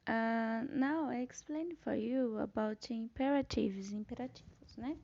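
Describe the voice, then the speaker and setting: A Brazilian woman talks through an English grammar lesson in a relaxed, casual way. Her fairly high voice is dark and gravelly with vocal fry. The sound is dull and lo-fi, like a simple home recording. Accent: Brazilian Portuguese. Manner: relaxed, with frequent tag "né?" and slow read-out English examples. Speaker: English teacher. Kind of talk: casual spoken grammar lesson, reading and explaining.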